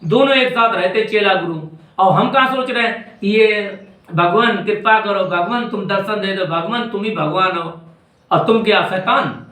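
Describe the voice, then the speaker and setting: A man's voice: sits high, unhurried, pushed and bright, roomy sound, rough recording. A man with a Braj Hindi accent giving a devotional discourse as a spiritual teacher, scolding and repeating his points with emphasis.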